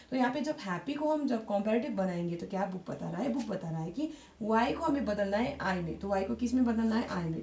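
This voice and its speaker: A woman's voice: fairly high pitch, dark tone. Hindi-speaking woman teaching a class. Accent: Indian English. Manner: repeats questions to the class and answers them herself. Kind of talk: classroom lesson explanation. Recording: slightly dull recording with faint hiss.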